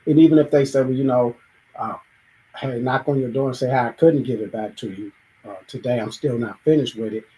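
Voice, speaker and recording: This show host speaks a little fast in a dark, mid-range voice, caught on a low-quality recording. Alone, he reflects aloud, acts out small everyday conversations and sometimes restarts.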